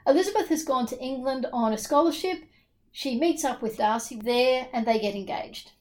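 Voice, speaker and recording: Woman cohost chatting about books, a bit high pitched, strong opinions, says things twice for emphasis. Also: moderate pace. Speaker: podcast co-host. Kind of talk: casual book discussion.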